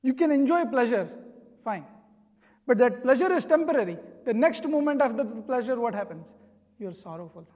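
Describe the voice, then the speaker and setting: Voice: medium pitch, animated, moderate pace, darkish tone. A spiritual teacher giving an earnest, explanatory sermon. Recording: long reverb.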